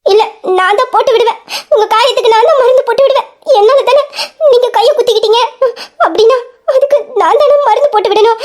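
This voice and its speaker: A woman's voice: very high voice, fast, a little mellow. A woman voicing a young wife in an audio drama, pleading with her angry husband and then taunting him. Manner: pleading, defiant. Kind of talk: Tamil audio drama acting.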